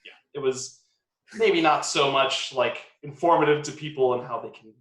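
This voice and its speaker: This is casual chat: a man with a medium-pitched, slightly bright voice rambles about movies and science at a normal speed, full of fillers and hedges. The sound is reverberant.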